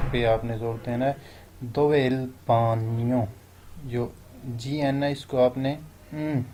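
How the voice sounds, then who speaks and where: A man with a Pakistani Urdu accent teaches phrases in a flat, even tone. His voice is mellow and dark, and he slows right down to stress each foreign phrase. Faint background noise sits behind him. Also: medium pitch. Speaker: language teacher. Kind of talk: explaining phrases step by step.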